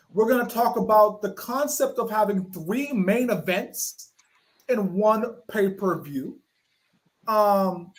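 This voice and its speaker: Male podcast host, high voice, slow deliberate pace, emphatic showman delivery. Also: fairly bright tone. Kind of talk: casual podcast chat.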